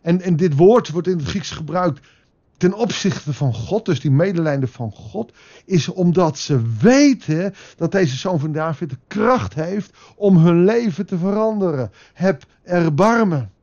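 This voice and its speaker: A man preaching a devotional sermon, speaking with passion and rising to emphatic peaks, then growing quiet as he prays. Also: high voice, animated, measured pace, highs cut off.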